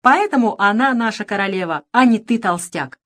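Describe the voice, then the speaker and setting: A woman voicing a cunning male pirate who mocks his slow partner. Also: mid-range voice, lively intonation, fairly bright tone, voice pushed up. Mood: mocking. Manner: mocking, condescending. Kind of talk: audiobook character voice.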